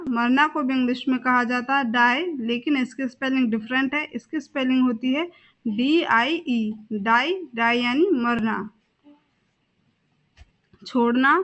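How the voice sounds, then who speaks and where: A woman's voice: high voice, a bit bright, lo-fi sound. A young woman teaching a vocabulary lesson. She says each word twice and spells words out letter by letter. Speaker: English teacher.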